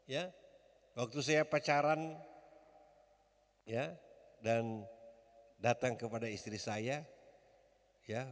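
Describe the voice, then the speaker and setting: A man's voice: medium pitch, steady tone, slow pace, pauses often. A man preaching a sermon as pastor, emphatic and rousing, leading the congregation to call back. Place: church hall. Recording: long church reverb.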